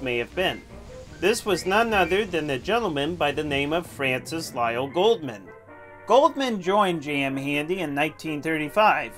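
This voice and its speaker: Male host, scripted film commentary, formal presenter tone, on the higher side, light music bed. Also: a bit bright.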